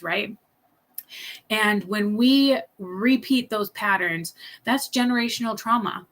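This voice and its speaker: A woman's voice: mid-range voice, pushed and bright. A woman in her thirties talking casually as a parenting coach, earnest and thinking aloud, with many fillers, restarts and a repeated "right?". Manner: keeps asking "right?". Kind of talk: casual teaching talk.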